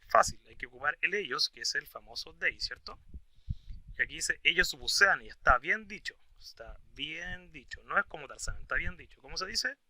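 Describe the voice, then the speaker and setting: A man teaches a video grammar lesson. His voice is fairly high and very bright, almost sharp. He walks through each point step by step and keeps checking that the viewer agrees. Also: a little hiss or hum, low-quality recording. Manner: explains step by step, often asks "right?" for agreement. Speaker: English teacher.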